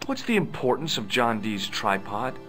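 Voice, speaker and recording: A man's voice: mid-range voice, normal speed, soft background music. A man voicing a dry, sardonic young tourist-adventurer in a video game. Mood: wry. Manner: dry, sardonic, deadpan questions.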